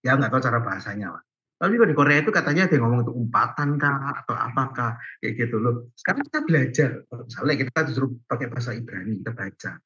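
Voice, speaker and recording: A young man teaches a casual online Bible class over a video call, the audio muffled. His mid-range voice is rapid-fire, sharp, slightly rough, and lively in intonation, and he's chatty and informal, laughing easily and sprinkling in fillers like "gitu" and "guys".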